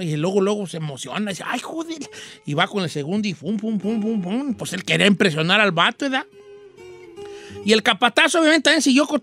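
High bright Mexican storyteller. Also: male voice. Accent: Mexican Spanish. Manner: chatty, slangy, adds sound effects. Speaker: radio host. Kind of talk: comic folksy storytelling.

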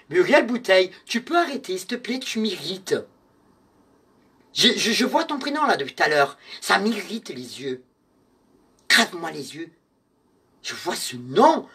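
A man runs a live-stream clothing sale in a bright, sharp-edged voice. He calls out his viewers by name with theatrical mock insults, dropping to a mutter one moment and yelling the next. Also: sits high, very animated, unhurried, pauses often, slightly rough. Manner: theatrical, swings between muttering and shouting. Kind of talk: live-selling stream chat.

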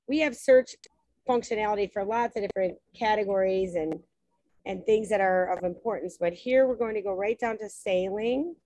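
This low-quality recording has no room sound and captures a woman's warm, mid-range voice. She hosts a travel webinar over video call, talking chattily through a shared screen about travel packages, full of ums and restarts.

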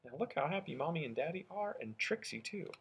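A male elementary school teacher reading aloud and explaining a lesson to children, expressive and thinking out loud, with a husky voice. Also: fairly high pitch, brisk. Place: indoors at a school, at a wooden desk.

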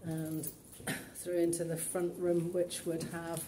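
Filming on a phone as she walks, a woman estate agent tours a vacant, shabby townhouse and plainly describes what's there. She speaks slowly in a low, completely flat voice, with background noise, faint ambience and echo from the empty rooms.

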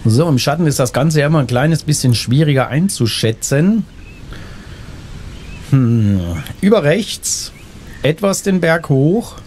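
A man's voice: on the high side, expressive, unhurried, darkish tone, a little hiss or hum. Man casually narrating gameplay. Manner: thinks aloud. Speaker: gaming video host. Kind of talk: casual let's play commentary. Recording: faint game ambience behind. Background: faint game ambience.

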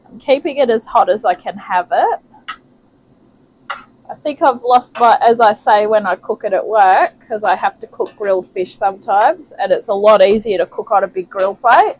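A mid-range woman's voice at normal speed, roughly recorded, belongs to a New Zealand home cooking channel host. Working in her kitchen, she keeps up a chatty, homely patter and talks herself through each step, caught by a side-mounted camera mic.

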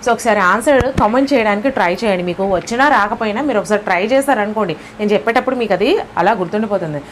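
A woman with a Telugu accent teaching an exam lesson step by step, often checking with "okay?", her voice lower than usual from early morning. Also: fast, slight background noise.

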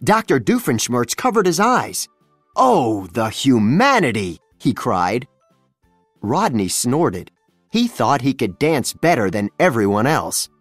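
A children's storybook narrator reading aloud with a lively, up-and-down delivery. The voice is dry and close, with faint music playing softly underneath. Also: medium pitch, measured pace, no room sound. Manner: expressive storytelling. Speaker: storybook reader.

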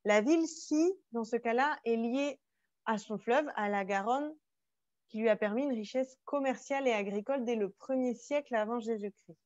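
A woman's voice: a little high, normal speed, a little mellow, dry recording. Woman, from France, French teacher, repeats points in Spanish, lo-fi dry recording. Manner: explains each French phrase again in Spanish. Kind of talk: bilingual online lesson, French with Spanish explanations.

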